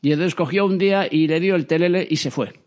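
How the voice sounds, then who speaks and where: Guy from telling a story about his dad, talks super fast, slightly high voice, does little voices. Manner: lively, acts out quoted voices, frequent restarts.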